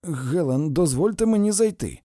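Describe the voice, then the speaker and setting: A man's voice: medium pitch, very animated, measured pace, warm tone, no echo, clean studio sound, pitched above the performer's own voice. A man doing a desperate, pleading young man. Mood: shouting.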